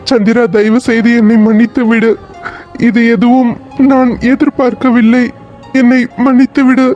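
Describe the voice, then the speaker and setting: A man's voice: very high voice, flat delivery, normal speed, a little mellow, soft background music. A man voicing a remorseful, tearful young friend who apologizes and explains, in a cartoon serial. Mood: apologetic. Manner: apologetic, hesitant.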